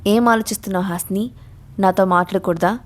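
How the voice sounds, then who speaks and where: A woman voicing a menacing young man, a gangster who speaks gravely and slowly. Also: mid-range voice, steady tone, lightly acted. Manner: grave and slow.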